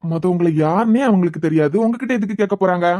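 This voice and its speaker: A woman's voice: fairly low pitch, fast talker, mellow, no echo, natural voice. A woman voicing a cheeky, teasing young man in a cartoon series, with a Kanyakumari Tamil accent. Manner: teasing, sarcastic.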